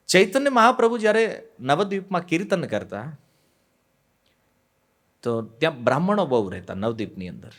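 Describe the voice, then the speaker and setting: A man gives a devotional lecture on scripture, telling stories, posing rhetorical questions and acting out the quoted voices. He swings between loud emphasis and quiet asides. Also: mid-range voice. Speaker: devotional speaker on the Bhagavad Gita.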